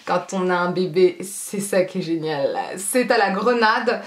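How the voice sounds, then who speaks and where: A woman's voice: lowish voice, measured pace, roomy sound. A woman beauty vlogger in casual haul chat, chatty and rambling with a self-mocking humor.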